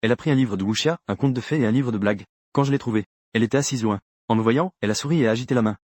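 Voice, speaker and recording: Fast, dry male story narrator. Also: mid-range voice, a little mellow, no room sound. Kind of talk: first-person story narration for a comic dub.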